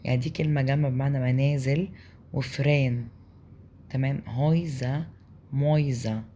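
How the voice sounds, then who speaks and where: An Egyptian-accented man walks learners through German letter combinations at an easy middle pitch. He repeats sounds patiently and keeps checking in with a quick question. A faint noise sits behind his voice. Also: steady tone, dark tone. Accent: Egyptian Arabic. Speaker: German language teacher. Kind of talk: explaining pronunciation in a lesson.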